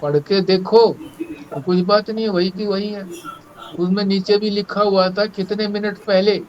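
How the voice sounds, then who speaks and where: A man's voice: sits high, fairly even intonation, normal speed, highs cut off, a little hiss or hum. A man teaching scripture in a sermon, explaining with stories in a conversational way. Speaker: spiritual teacher.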